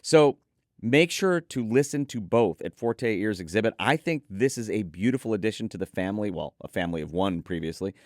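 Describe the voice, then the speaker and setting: Presenting an audio gear preview, this male host reads specifications aloud and talks them over eagerly in a conversational style. He speaks briskly and with animation in a fairly low voice. The studio-quality audio has no room sound.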